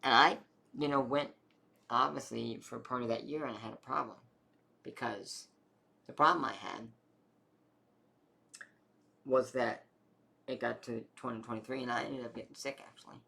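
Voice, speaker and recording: Gravelly young man telling a rambling story. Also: mid-range voice, steady tone, moderate pace, pauses often, pushed and bright. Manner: rambling, full of fillers and swearing. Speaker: vlogger telling his health story. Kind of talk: casual personal storytelling.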